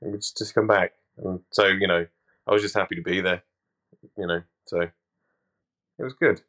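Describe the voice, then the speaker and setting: A man's voice: sits low, level tone, normal speed, sharp tone. A man on a robot-fighting team, rambling reflectively with many fillers in casual podcast chat. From United Kingdom.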